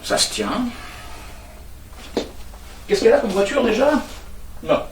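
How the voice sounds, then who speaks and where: A man's voice: sits high, big pitch swings, slow pace, slight background noise, full character voice. An actor playing an awkward, tactless man who stammers when flustered, heard on a stage. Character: awkward clumsy man, self-satisfied and tactless. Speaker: office worker and neighbour. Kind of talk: stage comedy acting. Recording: echoey stage sound from far off.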